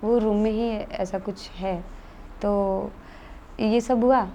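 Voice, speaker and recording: Woman recounting her experience in a mellow voice. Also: mid-range voice, steady tone, slow pace, a little hiss or hum. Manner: earnest, matter-of-fact retelling in plain conversational Hindi. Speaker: guest telling a true experience. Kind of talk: casual interview storytelling.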